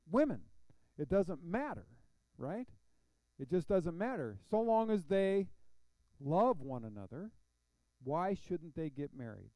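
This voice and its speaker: A man's voice: on the high side, a little mellow, no echo, rough recording. A man teaching an adult Bible class, reading scripture aloud and explaining it with questions to the class. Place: church classroom.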